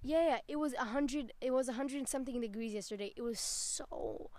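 A woman's voice: high-pitched, fast talker, dark tone. A young woman co-hosting a casual podcast, rambling with lots of "like" and stopping to correct herself. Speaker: podcast co-host. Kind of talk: casual chat.

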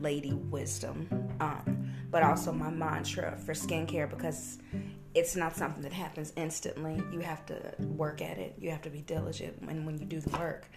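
A woman speaking as a guest in a casual podcast interview, explaining things conversationally. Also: low-pitched. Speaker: podcast guest, skincare entrepreneur. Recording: loud music behind the voice.

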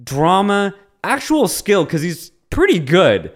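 A man's voice: high-pitched, slow pace. A man co-hosting a casual sports podcast, telling a story with lots of laughs and swearing and acting out what people said. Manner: animated storyteller, acts out quotes, laughs often, swears. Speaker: podcast co-host.

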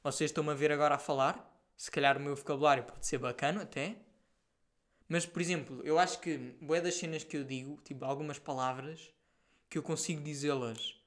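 A man's voice: a little high, fairly even intonation, brisk. A young man with a European Portuguese accent, talking casually to his viewers in a rambling, slang-filled monologue. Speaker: podcast host.

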